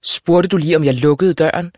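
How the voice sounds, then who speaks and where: A man voicing a frantic, heavily pregnant mother in labor, shrill and breathless, in a storybook reading. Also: darkish tone, no room sound, studio quality, natural voice. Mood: alarmed, scolding.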